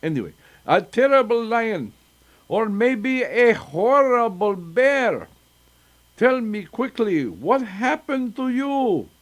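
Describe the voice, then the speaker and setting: A man's voice: very high-pitched, sing-song, slow, voice pushed up, heavily acted. A man voicing an old male village sage in a folktale, asking urgent questions.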